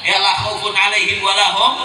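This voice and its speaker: A man preaching, his high, sharp voice animated as he tells stories and recites Arabic verses. He sounds distant in a roomy hall, with faint ambience behind him. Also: brisk. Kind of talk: sermon.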